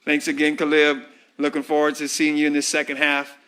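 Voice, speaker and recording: A man's voice: fairly high pitch, monotone, brisk, a bit bright, clean tone. A man interviewing a player at halftime, asking friendly, rambling questions full of fillers. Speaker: sideline interviewer at a high school football broadcast.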